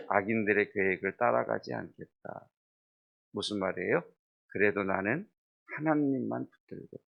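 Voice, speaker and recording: A man's voice: lowish voice, vocal fry, highs cut off. A middle-aged man preaching an early-morning sermon as pastor, earnest and building to a raised, impassioned close. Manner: earnest preaching that swells louder toward the end.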